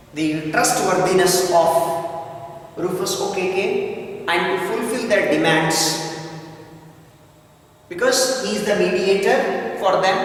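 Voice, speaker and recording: Male Indian English college teacher, unhurried class lecture, roomy echoey recording. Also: sits high, a bit bright. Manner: slow explaining, repeats phrases, addresses students directly. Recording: echoey room, distant mic.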